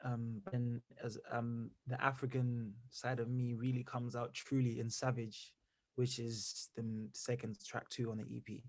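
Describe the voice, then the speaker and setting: A young man from Zimbabwe, a musician answering interview questions in an energetic, rambling way full of fillers. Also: mid-range voice, a little slow. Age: young adult. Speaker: musician guest.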